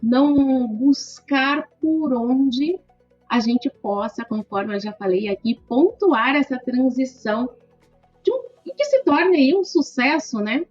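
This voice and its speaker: A middle-aged lawyer from Rio Grande do Sul in southern Brazil, speaking with a gaúcho Brazilian Portuguese accent, answers an interview question in a measured, explanatory way, listing points and tagging sentences with frequent "né". Her slightly high voice is expressive and a little mellow, recorded dry and close with no room sound. The audio is slightly dull, and faint music plays in the background.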